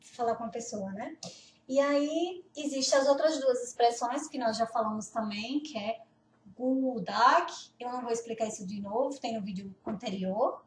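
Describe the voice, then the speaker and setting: A woman teaching Norwegian pronunciation, slowly repeating words and laughing now and then. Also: fairly high pitch, far from the mic, a little hiss or hum. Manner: slow, repeats words carefully, laughs often. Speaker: language teacher. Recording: roomy echo, off-mic.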